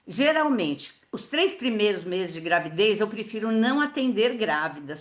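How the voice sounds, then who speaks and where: A woman's voice: mid-range voice, fairly bright tone. Chatty woman teaching over a call. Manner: chatty, lots of fillers, acts out quoted dialogue. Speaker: family therapist teaching a workshop. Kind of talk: conversational online lecture with case stories.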